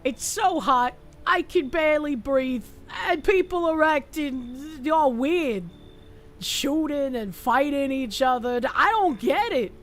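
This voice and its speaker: A woman's voice: high voice, lively intonation, slow. A woman voicing an anxious, dim young man who has been left alone, talking in a frightened, pleading ramble. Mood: scared, pleading.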